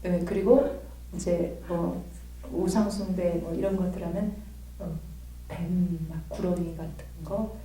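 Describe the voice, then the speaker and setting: A woman's voice: on the low side, fairly even intonation, a little slow, warm tone, a little hiss or hum. A woman giving a classroom lecture at a theology institute, talking conversationally and often checking in with her listeners. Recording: roomy, from a distance.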